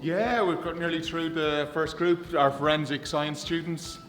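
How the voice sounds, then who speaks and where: A man's voice: a little high, a little slow, a bit bright, faint music behind. Man chatting in an echoey space. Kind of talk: casual interview.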